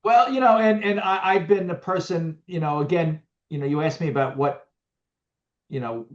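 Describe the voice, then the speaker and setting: A middle-aged business owner, appearing as a guest on a video call, rambles through a casual interview with lots of restarts and fillers. His voice is on the high side at a moderate pace, and the lo-fi audio sounds muffled.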